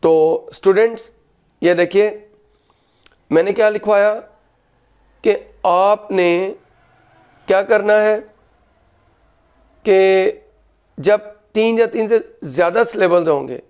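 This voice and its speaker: A man teaching a grammar lesson, explaining patiently and slowing right down when he dictates the rules. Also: sits high, darkish tone, clear, resonant tone.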